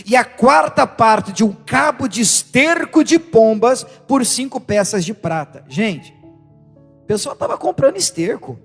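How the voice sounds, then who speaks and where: A man with a Brazilian accent preaching a sermon, animated and emphatic, throwing rhetorical questions at his congregation. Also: very high voice, measured pace, vocal fry, breathy edge, big-room sound, faint music behind. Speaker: pastor. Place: church hall.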